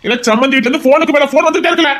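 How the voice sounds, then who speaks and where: An actor playing a stern middle-aged father who scolds his son about marriage in a fast, insistent voice. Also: very high-pitched, crowd noise. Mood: exasperated. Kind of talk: amateur audio drama.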